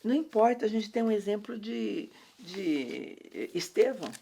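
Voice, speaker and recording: Uma mulher brasileira numa conversa cristã descontraída, contando histórias bíblicas com muitos "né" e "sabe". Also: female voice, medium pitch, expressive, unhurried, vocal fry, mellow, a little hiss or hum. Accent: Brazilian Portuguese. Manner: preachy storytelling, many fillers and tag questions. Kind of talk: casual faith chat.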